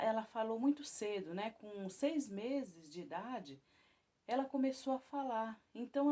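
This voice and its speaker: Woman giving a rambling spoken testimony. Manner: rambling, many restarts and tag questions; voice rises high and loud when retelling alarm. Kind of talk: personal testimony told to viewers.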